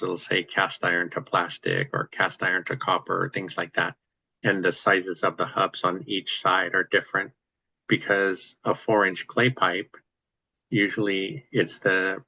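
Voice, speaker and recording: Deep, flat-voiced man explaining plumbing. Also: dry recording, poor audio. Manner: practical, explanatory, easygoing. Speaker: real estate investor host. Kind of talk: casual chat on a video call. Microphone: video call.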